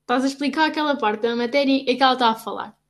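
Young portuguese woman teasing her friend, high pitched, casual chat. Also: very fast. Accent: European Portuguese. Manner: teasing, mock-scolding.

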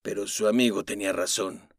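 A weary middle-aged mechanic speaking low and quiet. A man voices him in an audiobook. The voice is close and dry. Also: fairly even intonation, fairly quick, gravelly, no room sound. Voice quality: low, soft-spoken.

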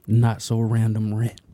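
A man's voice: fairly low pitch, dark tone, no echo, clean studio sound. A young man co-hosting a casual podcast, ranting bluntly, swearing and laughing often. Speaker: podcast co-host.

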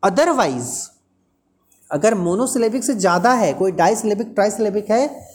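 A woman's voice: medium pitch, lively intonation, moderate pace, a little mellow. A woman teaching an English lesson, explaining patiently and repeating example words aloud.

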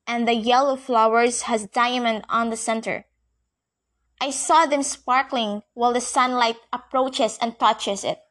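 A woman narrates a first-person fantasy tale at an unhurried, deliberate pace. Her voice sits a little high, and her telling is earnest and wide-eyed, with frequent grammar slips. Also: fairly bright tone. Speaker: storyteller.

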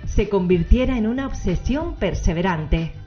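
A woman's voice: medium pitch, lively intonation, normal speed. Woman podcast host, dull lo-fi recording. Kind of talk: solo podcast book summary, semi-scripted narration. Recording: dull lo-fi audio, faint music behind.

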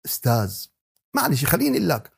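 A man's voice: on the high side, wildly swooping pitch, racing, creaky, breathy edge, pitched below the performer's own voice, full character voice. A man doing a young student making excuses. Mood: pleading.

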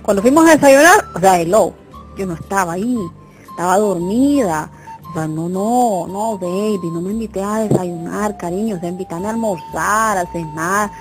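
A woman's voice: medium pitch, moderate pace, soft background music. A young woman performing a chatty, exaggerated comic monologue and often checking that the listener follows her. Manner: chatty, exaggerated, keeps asking "you get me?". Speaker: comedian.

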